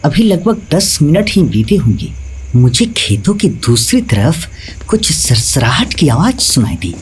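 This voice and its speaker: A man narrating a scripted horror story in a dramatic, animated storytelling manner. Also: fairly high pitch, a little slow, slightly rough. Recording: faint background music.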